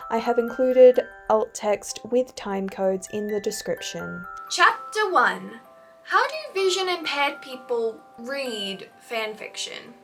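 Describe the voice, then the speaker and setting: A woman with a mid-range voice, recorded far from the mic, hosts a scripted instructional video offering fan fiction writing advice. Her phrasing is articulate and emphatic, and music plays in the background.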